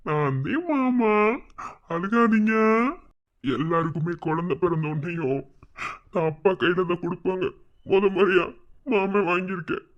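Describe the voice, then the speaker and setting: A man's voice: high-pitched, measured pace, long pauses, highs cut off. A man acting a doting, emotional young uncle in a drama. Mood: tender. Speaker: maternal uncle of the newborn.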